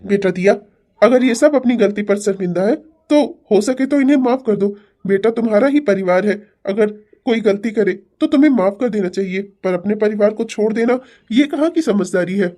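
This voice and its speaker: A woman's voice: mid-range voice, normal speed, dark tone, lightly acted. A woman voicing a preachy old cartoon father-in-law. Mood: gentle advising. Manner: scolding, preachy. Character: stern elderly father-in-law scolding his wife. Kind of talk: cartoon family-drama dubbing.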